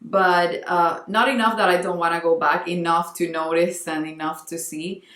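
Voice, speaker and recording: A woman's voice: lowish voice, steady tone, normal speed, fairly bright tone, echoey room. A young Colombian woman with a Spanish accent, talking earnestly in a casual book vlog and often restarting as she searches for words. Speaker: book vlogger.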